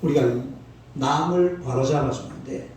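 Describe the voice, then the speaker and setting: In his sixties, a pastor preaches a dawn sermon in a folksy, scolding manner, prompting his congregation to answer back. His voice sits on the high side and is a little mellow, at a normal speed. The recording comes from an echoey church sanctuary with the mic far away and faint noise.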